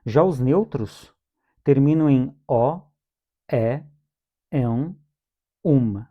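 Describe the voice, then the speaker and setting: Through narrow, tinny audio, a young Brazilian man with a Brazilian Portuguese accent draws out his words at medium pitch. He's teaching a calm language lesson, patiently repeating each vocabulary word twice.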